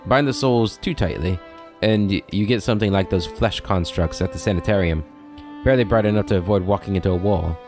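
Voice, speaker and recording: A man's voice: deep voice, brisk, darkish tone, soft background music. A man reading a disapproving male blacksmith's game dialogue aloud, plainly and with stumbles. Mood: grumbling.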